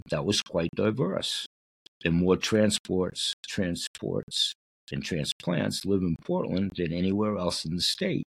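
Low, gravelly man. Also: dry recording, poor audio. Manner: digressive, repeats himself. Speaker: show host reading from a book. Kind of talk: reading aloud with casual rambling asides.

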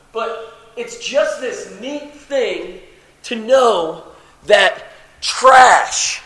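Brief: male preacher, bright high voice, playful and excitable delivery. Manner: animated and playful, swings from soft asides to excited shouts. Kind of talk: sermon.

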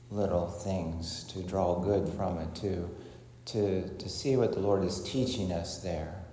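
A man with a low voice speaks as a priest reading and preaching at Mass. His delivery is slow and solemn, with halting pauses. The church gives a cathedral echo and long reverb, over a faint hum. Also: darkish tone. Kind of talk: liturgical Gospel reading and homily. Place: large echoing church.

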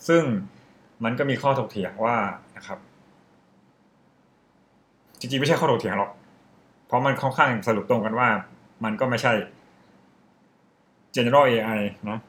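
A man's voice: medium pitch, measured pace, pauses often, a bit bright. A young man chatting on a podcast, talking through a topic in a loose, rambling way. He often admits he is guessing and carries on explaining in an easygoing, conversational voice. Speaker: podcast co-host. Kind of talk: casual podcast chat.

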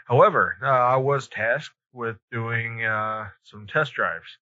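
Speaking slowly in a sharp, mid-range voice, a podcast host chats casually, with hesitant, relaxed phrasing. The sound is a little muffled, with a lo-fi quality.

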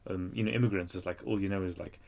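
His voice sits low and gravelly, and he races along. The man, a London-accented guest author in his thirties from Iraq, gives a casual interview, energetic and chatty with fillers and frequent laughs.

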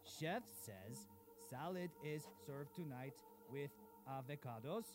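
An actor playing a cruel, boastful dark lord king reading his diary in broken grammar, in a comedic audio sketch. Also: fairly high pitch, lively intonation, slow, over music. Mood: pompous.

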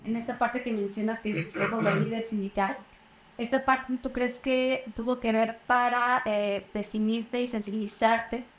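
A woman's voice: fairly high pitch, fairly even intonation, moderate pace. A woman interviewer asking thoughtful, probing questions. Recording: echoey room with faint noise.

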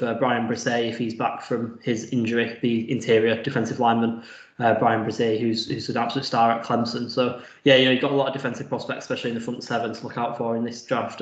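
A man chatting casually on a sports podcast, quick and full of fillers and restarts. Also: mid-range voice. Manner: quick, filler-heavy analysis with many restarts. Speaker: podcast guest. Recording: dull roomy lo-fi audio.

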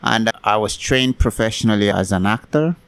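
A man from Nigeria, a guest in a casual podcast interview, talking in a relaxed way and laughing easily. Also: fairly low pitch, moderate pace, vocal fry, clear, resonant tone, dry recording.

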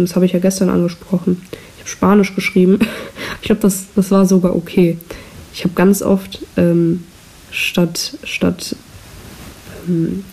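A teenage girl chats alone on her own podcast, rambling and poking fun at herself. Her voice is fairly low, creaky and dark. Audio quality is poor, captured on a cheap microphone with audible hiss.

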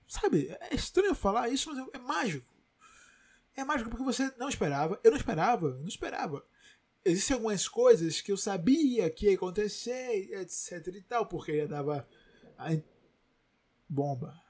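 Excitable husky Brazilian podcast host. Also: male voice, high-pitched, normal speed, pauses often. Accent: Brazilian Portuguese. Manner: rambling, self-correcting, excitable. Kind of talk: casual chat.

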